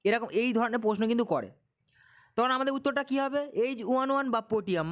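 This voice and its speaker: A man's voice: extremely high pitch, fairly bright tone. A man teaching an exam-prep lesson, drilling questions and answers and repeating himself to check students follow.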